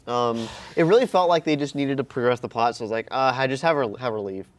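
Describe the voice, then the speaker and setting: A man's voice: medium pitch, fast. A man casually recapping a movie plot in a chat, telling it with laughs and acted-out quotes. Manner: animated, laughing storyteller who acts out quotes. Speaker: podcast co-host recapping a movie. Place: room shared with the other hosts.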